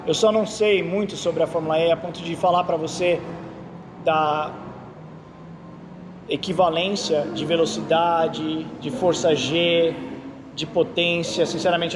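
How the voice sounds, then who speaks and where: A Brazilian man whose voice is on the high side speaks at a moderate pace against background noise. As a racing driver and instructor in a casual interview, he's an animated storyteller who keeps asking "entendeu?"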